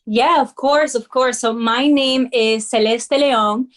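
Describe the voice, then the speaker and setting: A young woman from Peru whose first language is Spanish, speaking fairly high as a guest on an interview show. She sounds energetic and determined and talks freely in a casual way. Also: takes it slowly. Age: young adult. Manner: energetic, determined, with frequent fillers and restarts.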